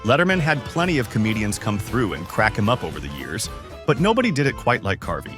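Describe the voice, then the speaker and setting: A man's voice: lowish voice, huge pitch swings, fast. A man reading hyped-up scripted narration. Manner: upbeat, hyped-up delivery. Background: faint background music.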